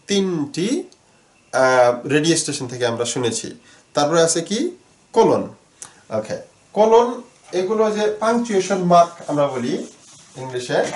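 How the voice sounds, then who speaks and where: A man teaching Arabic grammar in Bengali, explaining slowly with many fillers and repeated words. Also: fairly high pitch, reverberant.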